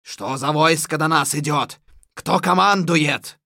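A woman doing Koschei, a gravelly villain king. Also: low voice, slow pace, pushed and bright, no room sound, studio quality, voice pushed down, exaggerated voice. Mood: commanding. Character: menacing old male sorcerer king, domineering. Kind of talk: storybook reading.

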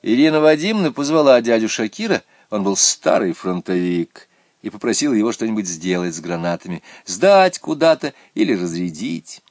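An expressive man reads a children's story aloud. His pitch swings widely as he tells it, and the sound is dry and close to the mic. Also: normal speed, no echo. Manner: animated, expressive.

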